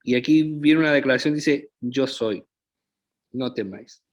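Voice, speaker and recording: Slow, deliberate preacher man. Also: medium pitch. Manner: slow, deliberate preaching with frequent rhetorical check-ins to the congregation. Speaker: pastor. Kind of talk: sermon.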